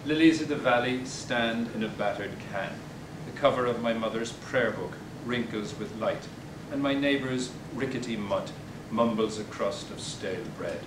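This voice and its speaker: This is an older man, a poet, reading poetry and making spoken asides from a podium in an indoor bookstore. Between poems he hesitates and halts. The recording is distant and echoey, captured on a far-off camera mic with background rumble.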